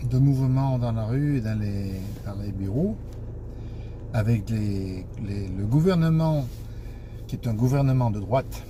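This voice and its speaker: A man's voice: mid-range voice, mellow, slight background noise. A man giving an informal explanation in broken French, searching for words and making grammatical slips. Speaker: taxi association board member and spokesman.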